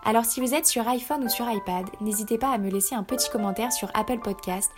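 A woman hosting a podcast, reading a scripted outro in a smooth, even delivery. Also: fairly high pitch, quick pace. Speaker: podcast host. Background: music.

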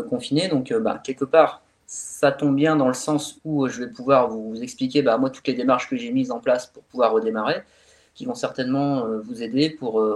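A man from northern France, a fitness coach, talks in a relaxed, chatty way with plenty of fillers. His voice sits at an ordinary middle pitch. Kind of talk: casual webinar talk.

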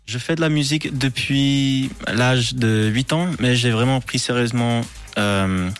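A calm man giving a casual interview in halting French, slipping in words. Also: mid-range voice, soft background music. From Switzerland or Britain. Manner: hesitant, halting French with English words mixed in. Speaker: pop singer, interview guest.

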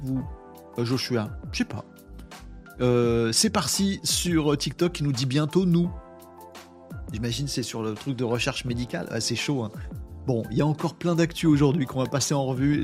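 Casual male streamer host, mid-pitched, loose and rambling, reads chat aloud over faint music. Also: a little mellow.

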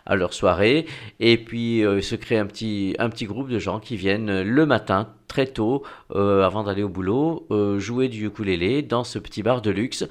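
A man's voice: on the low side, normal speed. A man presenting a music band on a radio show, talking casually with many fillers and restarts. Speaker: regular music show contributor.

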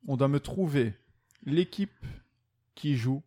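A man's voice: medium pitch, expressive, takes it slowly, mellow. A man hosting a casual sports quiz among friends, teasing and laughing as he reads questions and keeps score. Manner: laughing, playful, self-mocking. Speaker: quiz host.

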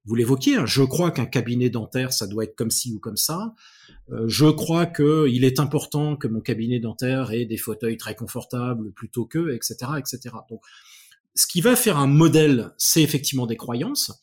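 A man with a slightly husky voice talks as an interview guest, laying out his ideas at length. He restarts often, repeating small words as he searches for the right phrase, but keeps a thoughtful, explanatory tone. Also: medium pitch, expressive, normal speed, a little mellow. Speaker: guest expert on innovation.

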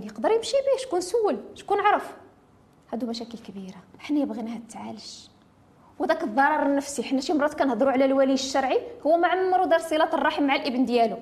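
A woman's voice: high-pitched, darkish tone. A woman with a Moroccan Arabic accent speaking in an impassioned discussion, emphatic and insistent, often piling up rhetorical questions. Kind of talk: impassioned discussion of family law.

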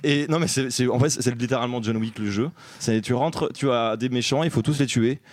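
A young man talks films in a loose, rambling way, full of fillers and little jokes about himself. His voice sits at an ordinary middle pitch. The sound is dry and close, with no room around it. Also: a little fast, no room sound. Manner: rambling, many fillers, self-mocking jokes. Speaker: podcast co-host. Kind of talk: casual film chat before a live audience.

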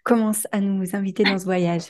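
A woman hosting a podcast, asking her guest friendly questions in a gentle, conversational way. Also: mid-range voice, steady tone, normal speed. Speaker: podcast host. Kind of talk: casual interview.

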